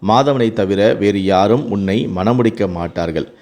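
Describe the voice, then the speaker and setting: A man's voice: on the low side, unhurried, a little mellow. A man voicing a remorseful widowed mother. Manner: pleading, apologetic.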